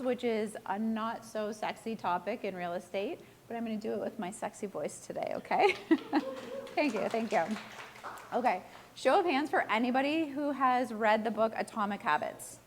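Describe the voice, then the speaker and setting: Speaking at a normal speed in a little-high voice, a woman real estate agent presents casually to a live audience, quizzing them as she goes. She's hoarse and almost out of voice, chatty and self-deprecating, and a little hiss or hum is audible.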